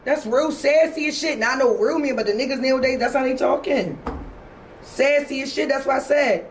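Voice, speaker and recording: A woman's voice: high voice, fairly quick, slight background noise. A woman in casual chat, blunt and insistent, laughing often. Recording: roomy, distant mic with faint ambience.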